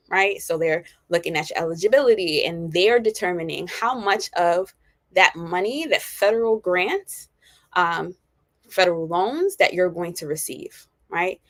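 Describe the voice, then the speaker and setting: A woman's voice: fairly low pitch, no echo. A woman in her forties hosting a live college planning session, talking conversationally and often checking in with "right?". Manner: conversational, frequent "right?" tag questions; candid and personable, with fillers. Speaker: college planning advisor and host. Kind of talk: live-streamed informational talk.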